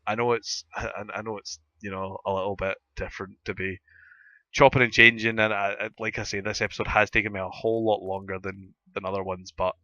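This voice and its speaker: A Scottish man with a gruff, sore-throated voice, hosting a casual gaming video and rambling as he thinks aloud. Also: fairly low pitch, little pitch movement, fairly quick, sharp tone, dull audio. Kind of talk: casual Minecraft let's-play commentary.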